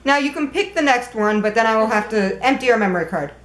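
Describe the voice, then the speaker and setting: A woman's voice: a little high, animated, fast talker, echoey room. A woman hosting a casual sorting game with friends, playfully announcing points like a quiz host. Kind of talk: casual chat.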